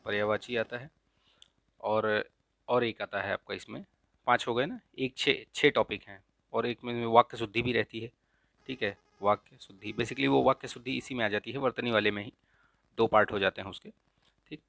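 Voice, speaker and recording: A man teaching an exam-prep lesson in a casual, explanatory way, often checking in with "ठीक है?" and slowly repeating correct spellings. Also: mid-range voice, steady tone, creaky, a bit bright, no echo. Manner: frequent checks of "ठीक है?" and filler "अ"; repeats the right spellings slowly to stress them. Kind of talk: casual explanatory lesson, walking through a paper.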